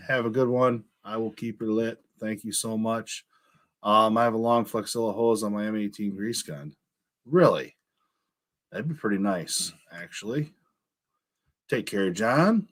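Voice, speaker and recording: A man hosting a relaxed live stream, his voice a little worn as he loses it. He reads viewer comments out loud, filling the gaps with ums and uhs. His pitch sits at an ordinary middle height. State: losing his voice. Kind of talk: casual live stream chat.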